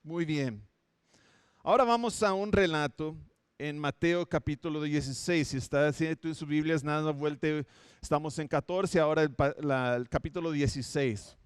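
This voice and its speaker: Speaking from home for an online church service, this pastor from Minnesota tells the story conversationally, adding light humor and frequent self-corrections. He has a fairly high, clear, resonant voice at a moderate pace, recorded cleanly with no echo.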